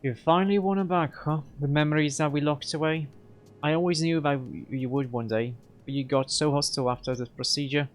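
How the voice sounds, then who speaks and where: A man reading a game aloud and voicing a nervous, defensive male hacker in a higher, strained voice. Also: steady tone, brisk, natural voice.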